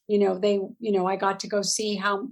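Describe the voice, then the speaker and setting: A woman from Southern California, a podcast guest telling her family story in a rambling, animated way. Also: mid-range voice, brisk, poor audio. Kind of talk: podcast interview.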